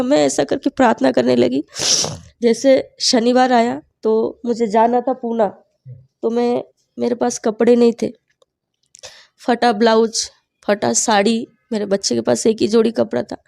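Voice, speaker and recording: A woman's voice: on the high side, gravelly, darkish tone, no room sound, clean studio sound. A woman, telling her own faith story as an earnest personal testimony and acting out her prayers. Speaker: testimony speaker.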